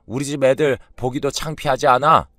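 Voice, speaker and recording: A man's voice: mid-range voice, steady tone, a little fast, sharp tone, no echo, clean studio sound, pitched above the performer's own voice, lightly acted. A man doing a sneering, taunting sister-in-law. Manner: taunting, sarcastic. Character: sneering middle-aged sister-in-law woman, mocking.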